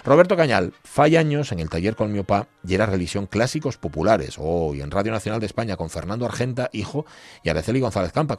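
A man's voice: fairly low pitch, darkish tone, no echo. A man with an Asturian accent hosting a radio show, reading listener messages in a chatty, joking way. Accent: Asturian Spanish. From Asturias, Spain. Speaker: radio host. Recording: radio studio with music bed.

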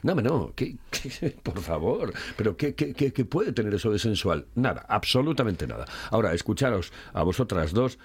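A man's voice: lowish voice, sing-song, moderate pace, slightly rough, dry recording. A man hosting a radio show, chatting playfully and effusively, stumbling over his words. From Spain. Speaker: radio host. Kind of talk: casual radio chat.

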